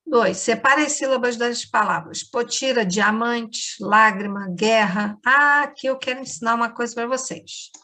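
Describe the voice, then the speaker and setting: Speaking at a moderate pace with few pauses, this woman has a high-leaning voice that sounds pushed and bright. She's a teacher with a Brazilian Portuguese accent, patiently explaining each step of a remote lesson to children.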